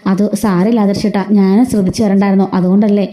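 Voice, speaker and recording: A woman's voice: mid-range voice, level tone, quick pace, lightly acted. A woman doing a meek young wife. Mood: pleading. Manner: soft, apologetic.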